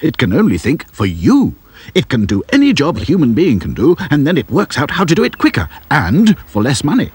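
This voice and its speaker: A giddy, boastful old inventor as a man acts him out in a children's storybook. The voice sits high and bubbles with excitement, swooping all over the place. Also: a little fast, breathy edge, heavily acted. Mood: bubbly. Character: eager, boastful eccentric old male inventor.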